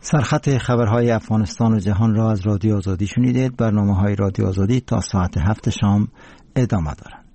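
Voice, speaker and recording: A man's voice: lowish voice, vocal fry, dark tone. A man with an Afghan accent reading scripted radio news headlines as a presenter, in a solemn and formal manner.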